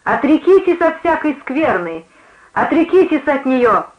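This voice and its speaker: A fervent woman street preacher, shrill and exalted, crying out her warnings high and loud as a reader acts her out. The sound is muffled and lo-fi. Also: big pitch swings, a little slow. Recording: muffled lo-fi recording.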